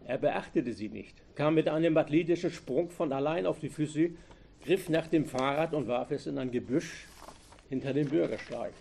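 A man's voice: on the high side, moderate pace, creaky, mellow, a little hiss or hum. A man reading a crime story aloud, steadily, with the occasional slip. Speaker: narrator.

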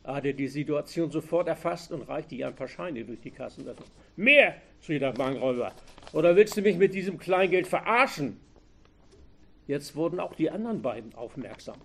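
Brief: a male story reader with a slightly high voice, steady narration and occasional slips. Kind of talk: story reading aloud.

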